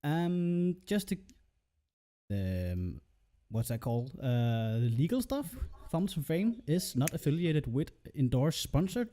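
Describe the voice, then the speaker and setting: A man runs a tabletop game stream as its host and game master. His voice sits a bit high but sounds mellow and soft-edged. He talks loosely and swears freely. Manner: loose, swearing, laughs often. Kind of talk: casual stream intro.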